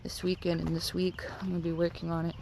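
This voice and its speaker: A stoned woman rambling casually and haltingly, with lots of filler "like"s, as she vlogs on a walk. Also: on the low side, monotone, darkish tone, slight background noise. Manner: rambling, halting, heavy use of "like". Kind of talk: casual rambling vlog talk. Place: outdoors, on a walk.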